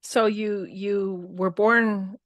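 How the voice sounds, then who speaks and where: A woman's voice: mid-range voice, fairly even intonation, very slow, fairly bright tone, dry recording, lo-fi sound. Curious woman podcast host, dry sound. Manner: curious, asks questions with restarts. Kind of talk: interviewing.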